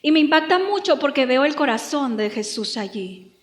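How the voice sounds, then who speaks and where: A woman pastor preaching a lively, humorous sermon. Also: high voice, normal speed, roomy sound. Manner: lively, humorous, acts out quotes.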